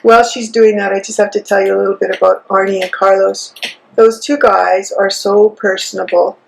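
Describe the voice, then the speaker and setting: A woman's voice: medium pitch, level tone, fairly quick, poor audio. A woman co-hosting a casual yarn shop podcast, a friendly knitter telling fond stories. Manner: friendly, gravelly, fond storytelling.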